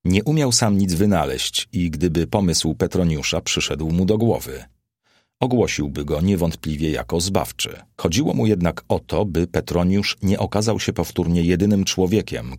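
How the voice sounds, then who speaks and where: A male narrator reads a historical novel in a measured, even manner. His voice is very deep with a husky, slightly rough edge. The recording is dry and close, with no room sound. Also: dry recording. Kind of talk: scripted audiobook narration.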